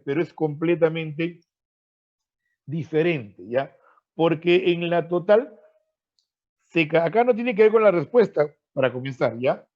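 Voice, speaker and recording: A man with a Peruvian Spanish accent teaching an online pre-university grammar class, explaining with frequent tag questions and repetitions and fondly addressing his students as freshmen. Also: a little high. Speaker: language teacher. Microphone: video call. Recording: dull lo-fi online-class audio.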